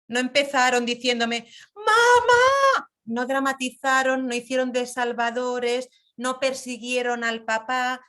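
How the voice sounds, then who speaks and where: A woman teaching a class on compassion, telling personal stories in an intimate, emphatic way with pauses. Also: on the high side, a bit bright. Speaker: meditation and personal growth teacher. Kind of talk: reflective lesson with personal stories.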